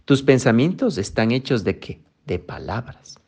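A man's voice: medium pitch, lively intonation, unhurried, darkish tone, slightly rough. A man giving a motivational talk. He speaks emphatically, posing rhetorical questions and then answering them.

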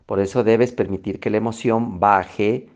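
A man's voice: fairly low pitch, fairly even intonation, measured pace. A male coach giving a motivational lesson, emphatic, repeating key phrases and checking in with "ok", on a slightly dull recording. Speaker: coach, instructor. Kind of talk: motivational teaching talk.

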